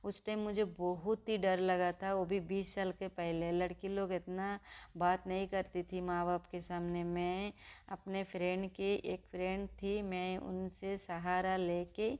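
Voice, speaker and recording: A young woman speaking to her vlog viewers, her voice sitting low and staying level. She tells a personal story haltingly, stopping and restarting often. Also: flat delivery, darkish tone, clear, resonant tone. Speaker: vlogger.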